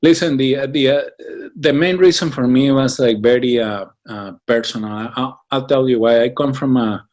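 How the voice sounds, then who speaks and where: As an interview guest, the Mexican founder of a business association gives halting, reflective answers full of fillers and restarts. His mid-range voice is a little mellow.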